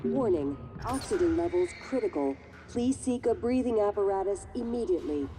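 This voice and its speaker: A woman voicing a calm female ship computer that gives even, automated warnings in a video game. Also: medium pitch, normal speed, music in the background, natural voice.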